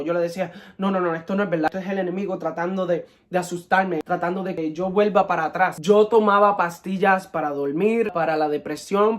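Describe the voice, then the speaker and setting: A man giving an earnest, emotional personal faith testimony, slipping English words into his speech. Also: sits high.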